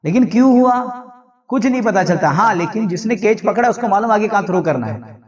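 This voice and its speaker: High-pitched Sufi preacher, conversational. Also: male voice, expressive, a little fast, distant mic, dull audio. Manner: conversational, explains with everyday examples and questions; often uses the filler "jo hai". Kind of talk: spiritual talk to listeners.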